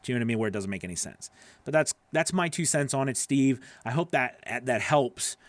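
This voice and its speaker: In a dry recording from a small home studio, a middle-aged man speaks at medium pitch and a slightly quick pace. As host and voice-over coach, he fields live viewers' questions with casual, conversational advice, stressing points and often checking in with listeners, close on a boom-arm broadcast microphone indoors.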